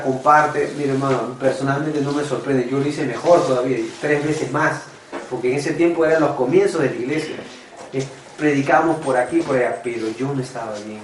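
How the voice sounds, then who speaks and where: A man's voice: mid-range voice, reverberant, recorded from a distance, low-quality recording. A man preaching a personal testimony sermon, earnest and confessional, often calling his listeners brothers. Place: church meeting room.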